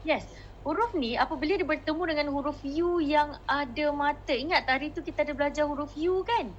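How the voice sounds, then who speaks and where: High-voiced Malaysian woman teaching Mandarin. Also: a little fast, muffled recording, noisy background. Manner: code-switching, coaxing students, modeling tones. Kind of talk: online class teaching.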